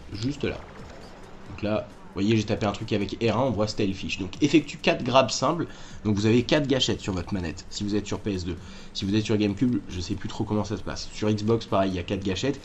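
A man with a lowish voice hosts a game walkthrough, chatting casually and speaking directly to viewers as he explains moves, often correcting himself. There is slight background noise.

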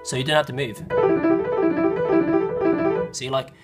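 A man teaching a casual piano tutorial, counting fingerings aloud in a loose, chatty way while getting sick and slightly hoarse. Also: mid-range voice, little pitch movement, slow pace. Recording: loud piano music over the voice. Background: piano playing.

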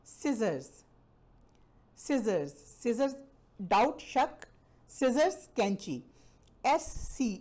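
A woman teacher giving a classroom-style lesson, spelling out words letter by letter and reading English sentences slowly and deliberately. She is from Pakistan. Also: medium pitch, darkish tone.

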